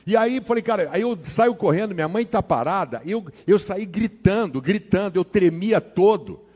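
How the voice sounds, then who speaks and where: A Brazilian man preaching a sermon as a pastor, telling stories in a slangy, animated way that swings from hushed asides to loud dramatic bursts. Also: sits high, normal speed. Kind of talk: sermon with personal storytelling. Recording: long hall reverb.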